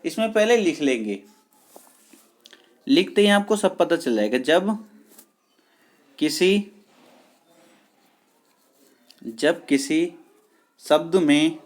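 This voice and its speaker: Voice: mid-range voice, animated. Patient exam-prep teacher, repeating terms. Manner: drills terms slowly, repeating key words and quizzing with "clear?"; addresses viewers as friends, patient and repetitive. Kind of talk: online exam-prep lesson.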